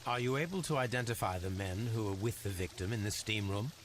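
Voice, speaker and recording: An actor playing a calm, measured detective in a game. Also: male voice, on the low side, slight background noise, lightly acted. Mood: composed.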